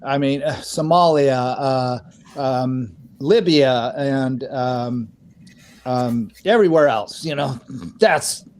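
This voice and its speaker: A man's voice: mid-range voice, takes it slowly, a little mellow. A man co-hosting a casual political podcast, talking in an opinionated, rambling way with many fillers and restarts. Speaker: podcast co-host.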